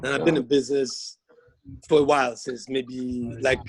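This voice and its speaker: A middle-aged Nigerian textile artist introduces himself on a video call, joking and laughing often in a jovial manner. His voice is medium-pitched and level with a breathy edge, at normal speed, and the audio is poor.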